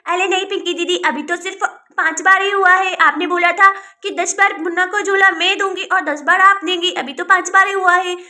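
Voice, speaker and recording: A woman's voice: very high voice, steady tone, fairly quick, hardly any pauses, sharp tone, full character voice. A woman voicing an eager, pushy young girl doll in a doll cartoon, talking insistently. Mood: pleading. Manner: insistent, pleading.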